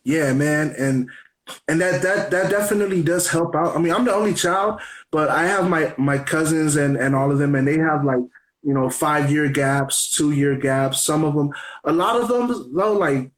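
A man in his thirties hosts a relaxed radio interview. His voice sits a little high for a man, and he rambles and circles back on his own sentences as he talks. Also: normal speed, low-quality recording. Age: 30s. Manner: loose, rambling, many restarts. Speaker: podcast host. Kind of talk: casual interview chat.

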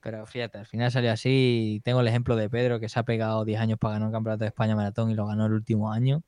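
A young man being interviewed, recounting a race in lively, casual, colloquial storytelling. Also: on the low side, rapid-fire, smooth, no room sound, studio quality. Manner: animated storytelling, keeps saying "tío". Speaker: interview guest, mountain bike racer.

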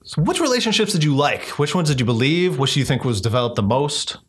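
A man co-hosting a casual film discussion podcast, animated, with his pitch often jumping up. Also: fast talker, breathy edge. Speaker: podcast co-host.

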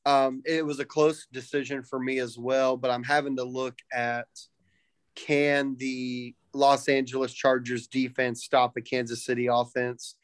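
A man co-hosting a casual podcast chat, speaking haltingly as he thinks out loud. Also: mid-range voice, flat delivery, smooth, no echo. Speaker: podcast co-host.

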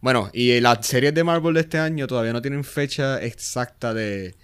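A Puerto Rican man with a medium-pitched, smooth and clear voice co-hosts a casual podcast. He speaks conversational Spanglish, dropping English words into his Spanish. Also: moderate pace, a bit bright. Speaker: podcast co-host. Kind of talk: casual chat.

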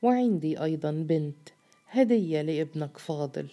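A woman's voice: low voice, lively intonation, moderate pace, dark tone, faint music behind. A woman voicing a confident, sly male governor, reading him in an audiobook story. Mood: assured. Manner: self-assured and knowing.

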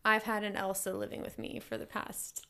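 A woman's voice: medium pitch, little pitch movement, moderate pace, vocal fry, pushed and bright. A woman in her thirties co-hosting a podcast, telling stories in a chatty, laughing way. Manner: chatty storytelling with frequent laughs. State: pregnant. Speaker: podcast co-host. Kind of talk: casual chat.

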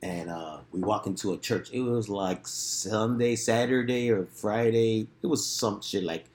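In a lowish, darkish voice and a slightly slow pace, a man casually tells stories in streetwise slang thick with profanity, dropping "bro" and "dude" throughout. The room sounds roomy and echoing.

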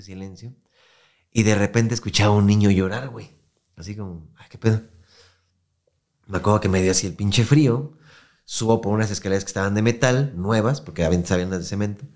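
Slangy Mexican man telling a story. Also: lowish voice. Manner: slangy, animated, acts out quoted voices. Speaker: podcast host. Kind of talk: casual storytelling chat.

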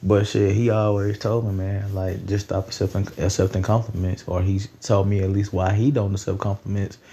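A man's voice: on the low side, level tone, moderate pace, mellow, a little hiss or hum. A nineteen-year-old man hosting a solo podcast, rambling in a loose, profane, conversational way. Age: late teens. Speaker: podcast host.

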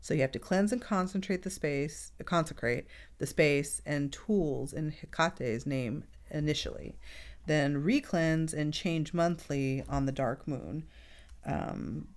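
A woman co-hosting a casual podcast, going through notes in a steady, list-like way and chiming in with short agreements. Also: low voice, a little slow. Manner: steady, list-like delivery with brief agreeing interjections. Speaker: podcast co-host. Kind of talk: casual chat, reading notes.

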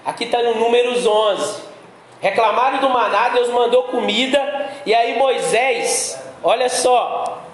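Man, Brazilian accent, pastor, sermon, high voice, conversational questions, very echoey room. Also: takes it slowly. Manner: conversational, keeps asking listeners direct questions. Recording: very echoey room with faint background noise.

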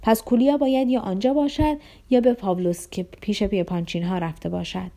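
A woman reading the lines of a servile middle-aged man who talks in a flustered, rushed way. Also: mid-range voice, steady tone, warm tone, natural voice. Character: fawning middle-aged male clerk, servile.

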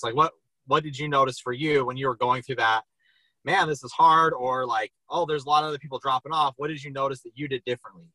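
Bright-voiced host rambling with "like". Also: male voice, mid-range voice, dry recording, poor audio. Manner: rambling, filler-heavy questions with lots of "like". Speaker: interview host. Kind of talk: casual interview.

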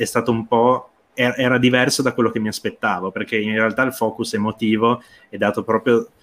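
A man with a somewhat low voice co-hosts a livestream and shares his take on an episode. He hesitates a lot, padding his sentences with fillers and restarts. Now and then a small laugh slips in.

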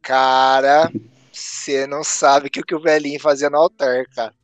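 A man's voice: mid-range voice, normal speed, dry recording. Emphatic Brazilian man in his thirties. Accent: Brazilian Portuguese. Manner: animated, emphatic, repeats for effect. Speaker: podcast co-host. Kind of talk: casual testimony chat.

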